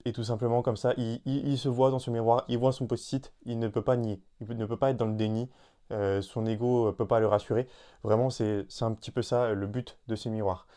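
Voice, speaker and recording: A man's voice: mid-range voice, flat delivery, brisk, mellow. A man hosting a solo podcast, talking casually to the listener with many fillers and restarts. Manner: addresses listener informally. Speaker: podcast host.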